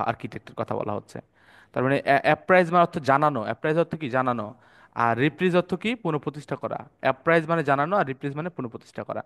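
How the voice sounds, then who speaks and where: A man's voice: mid-range voice, a bit bright. A man teaching English vocabulary in an online lecture, spelling words out letter by letter and quizzing his students as he goes. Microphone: online session, computer mic.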